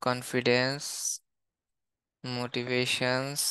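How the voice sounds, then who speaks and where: A man's voice: mid-range voice, takes it slowly, smooth, no echo. A man with a Bangladeshi accent, an English teacher reading out a word list one word at a time in a lesson. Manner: steady, listing words one by one.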